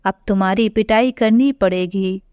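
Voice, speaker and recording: A woman voicing a gentle young father in a storybook tale, coaxing and sometimes stern with his daughter. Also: medium pitch, normal speed, smooth, no echo, lo-fi sound, pitched below the performer's own voice, natural voice. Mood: teasing.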